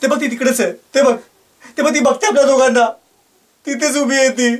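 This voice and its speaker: A man's voice: very high-pitched, fairly even intonation, fairly quick, far from the mic. A man playing a grown son sick with guilt, desperately begging forgiveness. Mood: pleading. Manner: pleading, desperate.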